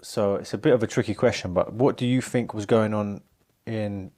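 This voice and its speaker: A man's voice: fairly low pitch, fairly even intonation, moderate pace, darkish tone. A man hosting a casual podcast interview, attentive and often chiming in with short agreements. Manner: attentive, frequent brief agreements.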